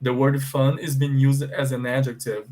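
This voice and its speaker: Brazilian male English teacher, mid-pitched and slow, patient and repetitive, heard over a video call. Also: little pitch movement, darkish tone, poor audio. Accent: Brazilian Portuguese. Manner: patient, repetitive, checks in often with students. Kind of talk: bilingual online English class.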